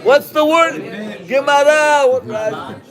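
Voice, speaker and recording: Animated rabbi teaching a class. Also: male voice, extremely high pitch, a little slow, crowd noise. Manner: animated, joking, calls on students by name. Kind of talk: animated Talmud class lecture.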